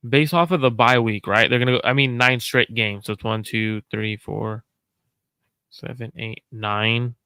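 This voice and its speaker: A man hosting a casual football talk, his voice smooth and clean on a dry, close mic. He talks in a measured, analytical way and circles back to his key points. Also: medium pitch, fairly even intonation, bright, forceful tone, no echo. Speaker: host. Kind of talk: casual sports chat.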